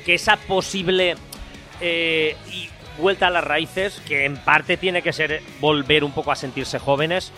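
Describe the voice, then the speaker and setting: A man's voice: on the high side, steady tone, measured pace, bright, forceful tone. Spanish man hosting a music podcast. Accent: Spain. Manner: thoughtful, repeats phrases while building an argument. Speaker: podcast host. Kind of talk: casual music chat.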